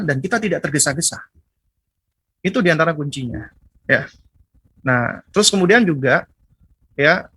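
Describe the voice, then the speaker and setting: A male preacher delivers a measured religious lecture on parenting, tagging his phrases with "ya" and repeating points for emphasis. His voice sits fairly high and sounds bright and forceful. It is recorded dry and close, with no room echo. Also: husky. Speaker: Islamic preacher.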